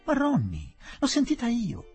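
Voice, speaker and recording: Male reader putting on a fretful young woman; pleading, lifted pitch, lively swings, audiobook. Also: moderate pace, breathy edge, soft background music, heavily acted. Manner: pleading, high and breathless. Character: anxious nervous young Englishwoman.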